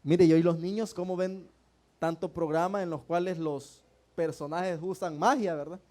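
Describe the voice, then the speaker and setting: Male preacher, high pitch, call-and-response sermon style in church. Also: steady tone, moderate pace, dark tone. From El Salvador. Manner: asks the congregation rhetorical questions and often calls them brothers.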